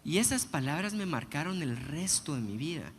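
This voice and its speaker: A man preaching a sermon, telling personal stories in an animated, humorous way. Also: fairly high pitch, moderate pace. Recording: long hall reverb, faint background noise.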